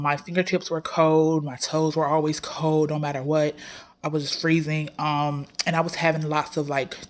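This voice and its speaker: Woman vlogger w a stuffy packed-nose voice, just chatting casually, kinda low for a lady. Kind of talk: casual chat, personal health update.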